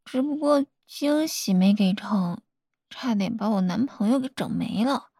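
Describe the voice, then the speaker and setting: Young woman doing girlfriend role-play, breathy, slow and soft, teasing and coaxing. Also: fairly high pitch, lively intonation, no echo, studio quality.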